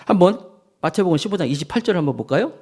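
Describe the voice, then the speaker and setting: Man, senior pastor, sermon, animated delivery, lively swinging pitch, call-and-response. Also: rapid-fire, breathy edge. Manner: animated, acts out scripture scenes; leads congregation in call-and-response.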